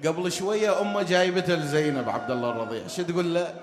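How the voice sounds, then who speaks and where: A man's voice: fairly high pitch, rapid-fire, roomy sound, big-room sound, crowd noise. A man preaching a mourning sermon, moving between storytelling and chanted elegy. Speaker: religious orator.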